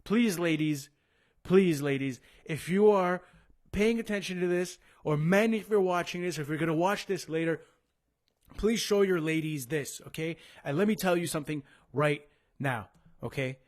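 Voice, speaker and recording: A male sports show host with a fairly high voice, ranting and swearing as he mocks athletes. His delivery is casual, crude and full of sarcasm. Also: moderate pace. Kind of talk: casual live sports rant.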